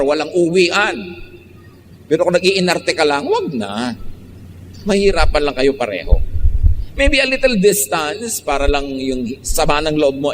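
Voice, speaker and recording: Filipino preacher in a big hall. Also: male voice. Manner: shifts between calm low emphasis and sudden high animated bursts. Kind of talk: sermon. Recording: long hall reverb, faint background noise.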